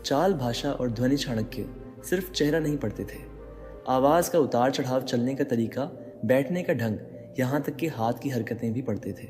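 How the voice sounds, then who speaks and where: A man's voice: medium pitch, moderate pace, a little mellow. A man giving dramatic motivational narration, speaking straight to the listener with rhetorical questions. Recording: long reverb with faint background music.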